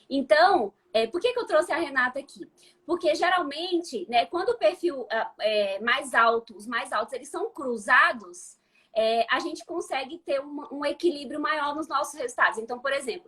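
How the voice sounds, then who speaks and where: A woman's voice: high-pitched, a bit bright. A woman hosting a live chat, explaining things directly to her viewers. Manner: explanatory, talks to the audience. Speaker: host.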